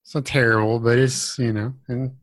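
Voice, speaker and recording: A man co-hosting a casual podcast chat, talking in a halting way with many fillers and restarts. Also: medium pitch, level tone, dry recording. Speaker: podcast co-host.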